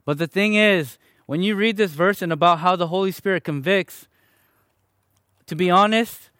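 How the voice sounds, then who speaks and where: A young man from Chicago, Illinois, in the USA shares his personal testimony with a church gathering, sounding earnest, conversational and self-deprecating. His voice is high and a bit bright, at a normal pace. The recording is dry and studio quality.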